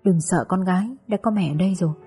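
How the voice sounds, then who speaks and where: A woman voicing a tender, doting middle-aged mother who speaks softly and soothingly in an audiobook story. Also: lowish voice, fast talker, husky, soft background music. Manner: soft and soothing.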